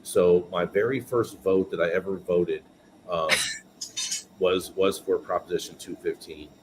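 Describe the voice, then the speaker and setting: Man, forties, from California, podcast guest; very low voice, earnest, some ums, with clear noise behind him. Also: fairly even intonation, a little slow. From California, USA. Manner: earnest, with filler words. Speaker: podcast guest, business owner. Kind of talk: casual interview chat.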